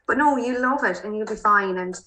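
Casting: woman, west of Ireland accent, bright forward voice, chatty and emphatic, casual podcast guest telling stories. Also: mid-range voice, fairly quick, low-quality recording. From Mayo, west of Ireland. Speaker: podcast guest, primary school teacher. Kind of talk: casual interview, anecdotal.

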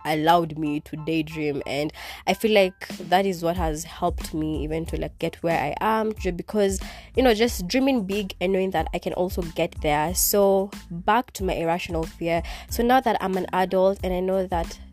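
Soft music plays behind this fairly low, darkish female voice moving at a moderate pace. She's a young Kikuyu-speaking Kenyan doing a laid-back solo podcast on her phone in bed, drifting from thought to thought, saying "like" constantly and dropping in Swahili.

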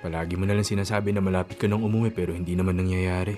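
A man's voice: low-pitched, fairly even intonation, rapid-fire, natural voice. A man playing a loving, anxious husband and father in a radio drama, speaking in an earnest, coaxing, conversational way. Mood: disappointed, pleading. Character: loving, anxious Filipino husband and father, lonely for his wife. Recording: background music under the voice.

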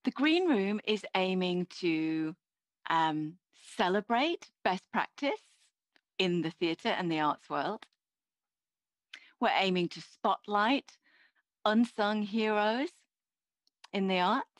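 A woman's voice: medium pitch, dry recording. Woman's live interpreter voice, dry and close. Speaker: live interpreter voicing a signing podcast host. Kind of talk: live interpreter voice-over of sign language.

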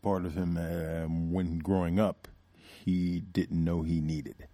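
A man hosting his podcast in a casual, reflective monologue, pausing often with ums and restarting sentences. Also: deep voice, little pitch movement, warm tone, dry recording. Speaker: podcast host.

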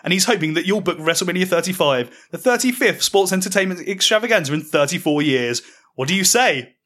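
A man telling a mocking comic story in the second person, with deadpan delivery. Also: sits high, fairly quick. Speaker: podcast storyteller.

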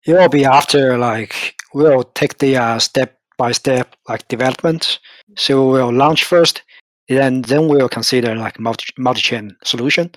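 During a casual AMA on a crypto community call, a man from the project team walks through the token design, hesitating often and using lots of fillers. His mid-range voice keeps a measured pace, and the recording is rough, without echo.

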